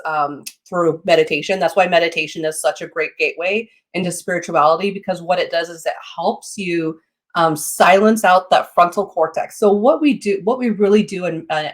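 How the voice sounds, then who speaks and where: A woman giving an informal, explanatory lesson as a teacher, phrasing things haltingly and checking in with short tags. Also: fairly low pitch. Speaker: teacher of meditation and psychic development.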